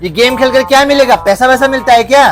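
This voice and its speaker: A man's voice: very high voice, quick pace, fairly bright tone. A man playing an exasperated father in a comedy sketch, nagging and sarcastic. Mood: scolding. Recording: faint music behind.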